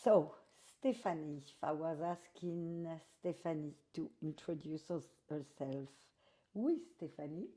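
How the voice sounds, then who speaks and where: A woman hosting an interview, chatty and a little halting, with non-native phrasing. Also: sits low, dark tone. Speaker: host. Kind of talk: casual interview conversation.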